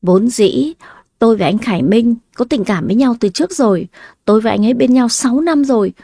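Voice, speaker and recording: Brief: shrill whiny schemer, young woman, dry close sound, read by a woman narrator. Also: lively intonation, a little fast, mellow, no room sound. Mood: indignant. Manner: whining, shrill when pleading.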